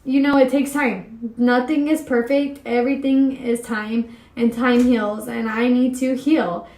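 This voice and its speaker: A young woman from California talks straight to the camera in a heartfelt, confessional vlog. Her voice sits a little high, and the room around her sounds echoey. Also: fairly even intonation, unhurried, darkish tone. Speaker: vlogger.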